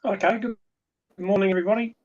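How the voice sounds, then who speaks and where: A man's voice: high voice, fairly even intonation, quick pace, a little mellow, no echo. A man speaks over a video call that keeps glitching and dropping out. His voice comes through dull and lo-fi, and he keeps checking whether anyone can hear him. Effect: video call audio glitching and dropping out. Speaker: club member on a video call. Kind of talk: casual chat.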